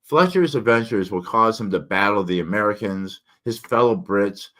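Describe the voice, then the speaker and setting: Deep-voiced man with thick, slurred tongue-forward speech. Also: animated, normal speed, fairly bright tone. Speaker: book reviewer and vlogger. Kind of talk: casual spoken book review, partly read aloud.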